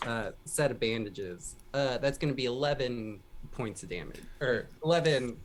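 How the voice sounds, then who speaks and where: A man's voice: medium pitch, animated, normal speed. A man chatting casually as a player in a tabletop game.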